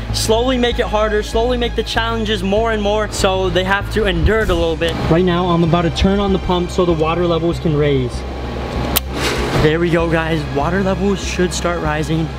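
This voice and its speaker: A young man giving excited, playful, teasing vlog commentary as host of a challenge. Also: high-pitched. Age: young adult. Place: outdoors by a backyard pool. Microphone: handheld camera at arm's length. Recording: loud background music.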